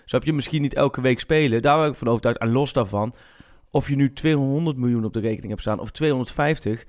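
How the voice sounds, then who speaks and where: A man's voice: mid-range voice, quick pace. A man with a Brabant-Nijmegen accent, a football journalist co-hosting a casual podcast chat, firm and opinionated. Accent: Brabant-Nijmegen Dutch.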